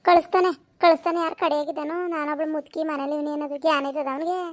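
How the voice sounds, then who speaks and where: Woman doing a shrill, scolding village mother-in-law, old and quarrelsome, comedy skit. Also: steady tone, very fast, close to an everyday voice. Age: older. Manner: scolding, then wailing in a high pitch. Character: nagging elderly mother-in-law, sharp-tongued and whiny.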